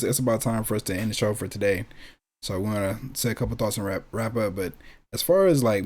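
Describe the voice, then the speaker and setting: A man with a medium-pitched, slightly mellow voice hosts a gaming talk show, chatting casually about video game movies and anime. He's emphatic, opinionated, and slangy, with plenty of swearing.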